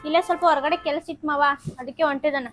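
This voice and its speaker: Woman acting as a brisk scolding young woman, north karnataka kannada accent, talks fast, faint music behind. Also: high-pitched, fairly even intonation, close to an everyday voice. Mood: annoyed. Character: young woman brushing off her lovers. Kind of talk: short film acting.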